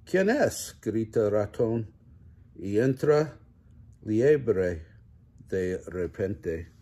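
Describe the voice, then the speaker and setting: Slow, mellow-voiced older man reading a storybook. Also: fairly low pitch. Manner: slow, gentle reading with small stumbles and self-corrections. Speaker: grandfather reading a picture book aloud. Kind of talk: children's story read-aloud.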